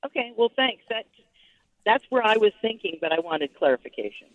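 A woman's voice: mid-range voice, animated, fairly quick, no echo. A woman calling in to a radio show over the phone, talking politely and a little hesitantly. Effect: phone call heard over the radio. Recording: tinny dry phone line.

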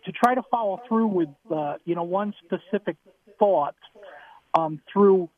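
A man's voice: sits high, unhurried. A man calling in to a radio show over the phone, asking a question hesitantly with many fillers and restarts. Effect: heard over the phone. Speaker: caller. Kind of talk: casual call-in question. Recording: tinny phone line.

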